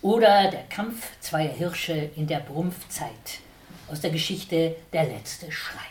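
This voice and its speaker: Woman reading stories aloud with lively expression. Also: low-pitched, slow. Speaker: reader. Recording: roomy, distant mic.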